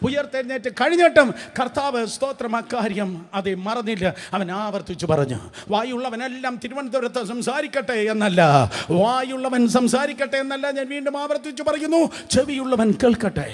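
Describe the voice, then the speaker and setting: A man preaching with a Kerala Malayalam accent and an unusually high-pitched voice. He talks emphatically and repeats his key lines, pressing the congregation to say amen and echo him. It is a live church service sermon. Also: fairly quick, few pauses. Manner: emphatic, repetitive, calls for congregation responses.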